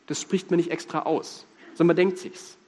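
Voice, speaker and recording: A man with a Swabian accent preaching a sermon, lively, humorous and emphatic. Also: a little high, normal speed. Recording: reverberant hall.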